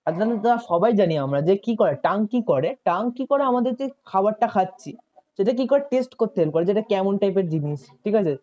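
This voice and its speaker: In dull, lo-fi audio, a tutor runs an informal online coaching lesson, speaking fast and expressively in a dark, mid-range voice. The talk is chatty, with frequent questions for the students, checks that they understand, and repeated "ঠিক আছে."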